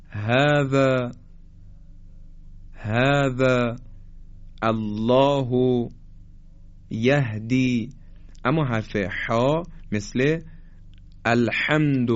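Man teaching Quran pronunciation slowly. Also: mid-range voice, darkish tone, highs cut off. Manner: explains, then demonstrates sounds slowly and drawn out. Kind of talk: tajwid pronunciation lesson.

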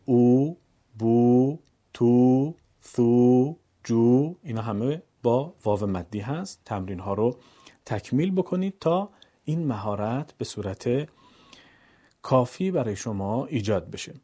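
A man teaching how to read Quranic words, explaining calmly and slowly stretching sounds in recited examples. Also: mid-range voice, husky. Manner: calm explaining, then stretching vowels slowly and louder for examples. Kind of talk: instructional lesson with slow drawn-out recitation examples.

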